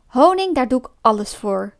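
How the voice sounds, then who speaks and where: A woman voicing a big, gullible male bear in a storybook who is mad for honey, eager and pleading, his voice jumping high. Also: big pitch swings, normal speed, creaky, heavily acted. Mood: greedy eager.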